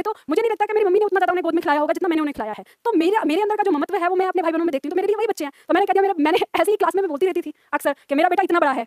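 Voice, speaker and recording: A woman's voice: very high-pitched, a little mellow, no echo, studio quality. A woman teaching Hindi, chatting to her class and online students with frequent laughs. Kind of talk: live classroom lesson chat.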